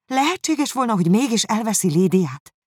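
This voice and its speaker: A man's voice: high-pitched, big pitch swings, a bit bright, no room sound, studio quality, pitched above the performer's own voice. Elizabeth, a man's raised urgent girl voice. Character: young woman, lively, anxious elder daughter. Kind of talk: audiobook character reading.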